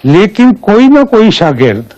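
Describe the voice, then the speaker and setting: A man explains things deliberately in an interview. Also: high voice, big pitch swings, a little mellow. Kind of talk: reflective interview. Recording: dull lo-fi recording.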